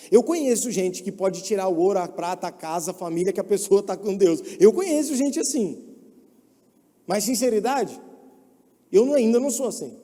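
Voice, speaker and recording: A young man preaching a sermon, moving from soft, low pleading to loud mocking voices. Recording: long hall reverb.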